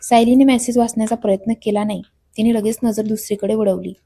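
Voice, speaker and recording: A woman's voice: fairly high pitch, fairly even intonation, fast talker, dark tone, husky. A woman reading a romantic story aloud as narrator, speaking every character's lines in her own voice. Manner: reads all characters' dialogue in her own voice.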